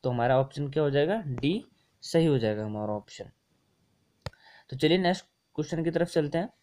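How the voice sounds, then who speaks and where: Sharing his screen, a young exam coaching tutor goes through test answers in an easy, chatty, repetitive way, often saying "ठीक है" and checking in. He mixes English terms into his Hindi, and his slightly high, a little mellow voice sounds expressive and brisk.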